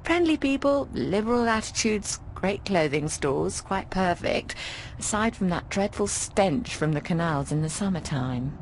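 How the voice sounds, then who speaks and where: Here the same video game landlady comes through at medium pitch, expressive and measured, with slight background noise. The actress keeps her worldly and teasing, breezy and informative, drawling theatrically and calling people darling.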